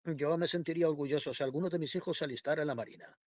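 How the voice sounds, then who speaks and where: A man's voice: on the high side, rapid-fire, dry recording, dull audio, natural voice. Tired stubborn vicar talking stiffly, man reading it, dry mic. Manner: stiff, dogged. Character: stubborn, weary middle-aged country vicar.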